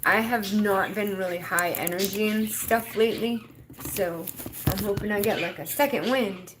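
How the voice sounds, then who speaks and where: A woman in her fifties hosts a livestream, chatting casually, rambling, and laughing often. Her voice is medium-pitched at a moderate pace, with a noisy background.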